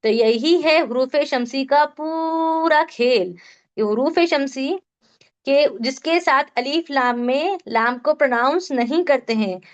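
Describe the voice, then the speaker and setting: A woman with a high voice speaks slowly while teaching an online Quran recitation class as a tajweed teacher. She explains the rules patiently, step by step, and quizzes her students. The audio is dull.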